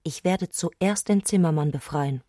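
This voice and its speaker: Brief: a zealous, intense young woman; radio play; low-pitched and urgent. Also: unhurried, dark tone, dry recording, clean studio sound. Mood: fervent. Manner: fervent and urgent. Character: Clarisse, an exalted, intense young woman with visionary zeal.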